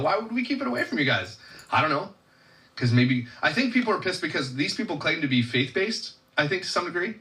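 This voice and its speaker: A man's voice: fairly high pitch, bright, forceful tone, distant mic. A man hosting a reaction commentary, talking in a blunt, mocking and profane way. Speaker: commentary show host.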